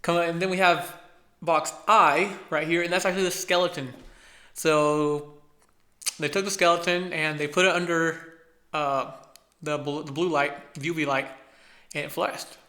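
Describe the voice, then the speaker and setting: A young man with a lisp that slurs his s sounds, giving an informal, halting research presentation as a student presenter. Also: on the high side, steady tone, pushed and bright. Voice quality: lisp from braces, slushy s sounds. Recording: echoey room sound.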